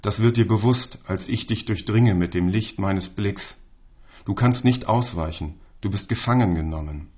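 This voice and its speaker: A man reading a literary text aloud in a measured, solemn way. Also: on the low side, a little mellow. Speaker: reader. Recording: dull lo-fi recording.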